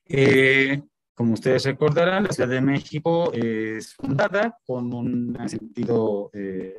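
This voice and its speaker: A man giving a lecture online, reading out dates and lists with many fillers. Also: mid-range voice.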